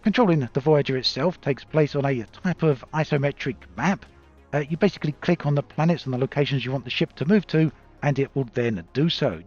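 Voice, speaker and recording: Man on a dull, lo-fi cheap mic. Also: a little mellow. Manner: measured, explanatory, occasional fillers. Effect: low-quality audio from a cheap stand-in mic. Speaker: game video commentator. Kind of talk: scripted game review commentary.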